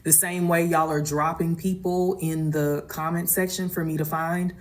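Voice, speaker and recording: A low-pitched American woman speaks in a casual storytime style. She explains her situation plainly and matter-of-factly, as if addressing social media followers. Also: level tone, moderate pace. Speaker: salon client.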